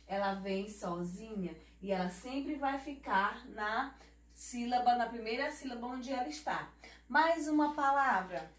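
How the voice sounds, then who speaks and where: Brazilian woman, primary teacher, slow and drawn-out, affectionate auntie manner, somewhat high voice, echoey room, distant mic. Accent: Brazilian Portuguese. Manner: slow, drawn-out word spelling with tag questions; affectionate teacher talk, calls herself auntie. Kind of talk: children's lesson.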